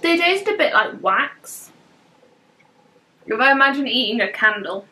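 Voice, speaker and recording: Young British woman, high and bright, casual wry chat while chewing. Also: expressive, a little slow, rough recording. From Britain. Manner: chatty, wry, describing flavours. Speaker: vlogger tasting snacks.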